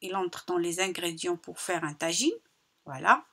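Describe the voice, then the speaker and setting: Female teacher, slow and breathy, drilling children on sounds. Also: lowish voice, a bit bright. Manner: slow, carefully articulated, repeats sounds for children. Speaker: primary school teacher. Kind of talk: phonics lesson for young children.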